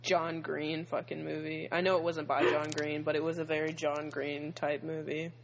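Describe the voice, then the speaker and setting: Excitable chatty co-host, casual talk. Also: mid-range voice, gravelly, noisy background. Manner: chatty, excitable, quick to joke. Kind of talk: casual chat about a TV show.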